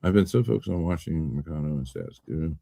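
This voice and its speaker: A man's voice: rumbling low, animated, fast talker, creaky, mellow, no room sound. A man hosting a casual talk show, rambling with repeated words and swearing when riled. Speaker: podcast host. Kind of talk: casual political chat.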